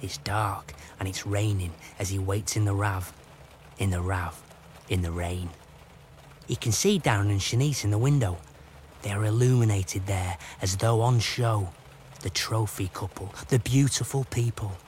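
A man giving dry, deadpan scripted narration for a sitcom. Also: on the low side, normal speed, a little hiss or hum.

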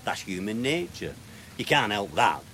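An actor playing a self-pitying gardener, wistful and grandiloquent in a radio sitcom. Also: male voice, on the low side, big pitch swings, moderate pace, a bit bright, a little hiss or hum. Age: 30s. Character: weary, self-pitying male gardener in his thirties, cast out by his boss.

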